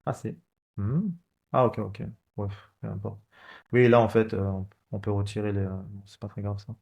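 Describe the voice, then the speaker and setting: A man's voice: on the low side, creaky, darkish tone, muffled recording. A man, casually thinking aloud as he walks through code, with many fillers and restarts. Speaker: coding channel host. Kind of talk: casual screen-recorded coding walkthrough.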